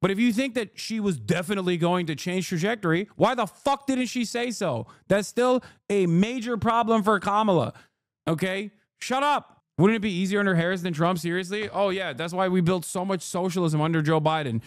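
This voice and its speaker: A streamer from Turkey, a man in his thirties, rants in heated, profane reaction commentary, laughing through his lines. His voice sits high and brisk, captured as clean studio sound with no echo.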